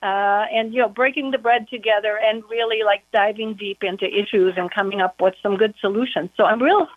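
Her voice is mid-range and steady, running a little fast on a dry recording: a county board member calling in to a casual interview, chatting with lots of "you know" fillers. The muffled phone line makes her sound like she's on the other side of a wall.

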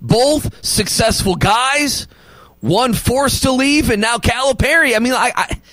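A male sports radio host arguing basketball opinions and rattling off stats, with emphatic loud bursts. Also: very high voice, lively intonation, unhurried, dry recording, poor audio.

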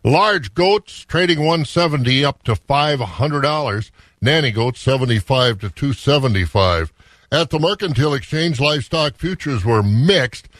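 A man's voice: mid-range voice, lively intonation, normal speed, fairly bright tone, no echo. An American man hosting a radio farm report in a conversational, off-the-cuff way. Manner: conversational, unscripted asides. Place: radio studio.

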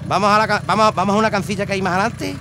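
A man voicing a bossy, boastful village local in an audio drama. His voice sits high and the recording carries loud outdoor noise and cars. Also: fairly even intonation, rapid-fire. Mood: insistent. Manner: insistent, coarse, bossy. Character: boastful rural local man, conspiracy-minded guide.

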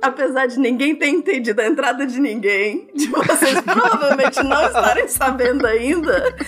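Female Brazilian podcast host, high voice, playful and casual, faint music underneath. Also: animated, normal speed. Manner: playful, jokey.

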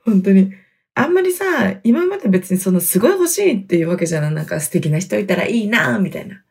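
A woman around thirty from Hokkaido hosts her own solo podcast, chatting in a hushed, self-deprecating way as she records in a closet. Her voice is husky and gravelly with a mellow, dark tone, and it swings widely in pitch. Faint music sits under it. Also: lively intonation, fast. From Hokkaido, Japan. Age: 30s. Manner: speaking quietly on purpose. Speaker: podcast host. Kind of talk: casual solo podcast chat. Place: inside a closet in a wooden apartment studio. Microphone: computer mic in closet.

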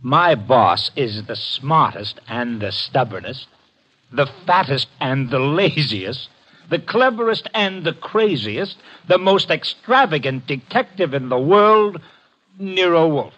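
A man's voice: fairly high pitch, animated, slow, a bit bright, full character voice. A man playing a wisecracking, stubborn detective's assistant, brash and informal, in a 1950s radio drama. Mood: wry. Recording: dull vintage 1950 radio recording.

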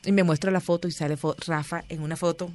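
A woman's voice: on the low side, fast, dry recording. A woman, a guest telling stories in a casual interview and acting out the voices of the people she quotes. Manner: animated, acts out quoted voices.

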